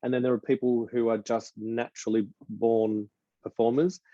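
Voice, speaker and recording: A man's voice: medium pitch, level tone, normal speed, dark tone, no room sound. A man, a film producer, speaking on a panel, enthusiastic and openly emotional. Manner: enthusiastic, emotional, repeats words. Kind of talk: panel discussion over video call. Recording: dry, muffled sound.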